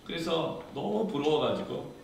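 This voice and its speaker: A male pastor preaching a sermon in a church, with an emphatic, repetitive cadence that keeps swelling louder. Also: fairly high pitch, big pitch swings, unhurried. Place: church sanctuary. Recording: echoey hall, mic from far off, faint noise.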